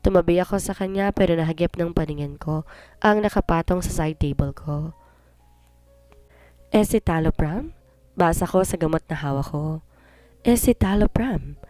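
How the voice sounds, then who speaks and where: A young adult woman telling a story in the first person, with expressive delivery that slips English phrases in. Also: deep voice, dry recording.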